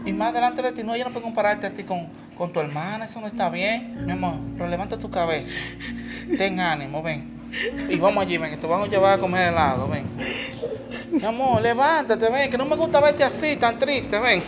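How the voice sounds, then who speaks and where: A woman playing a gentle partner who soothes and comforts a crying young woman. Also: medium pitch, a little fast, close to an everyday voice. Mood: soothing. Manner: soothing, tender. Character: gentle consoling partner of a sad daughter. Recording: clear music underneath.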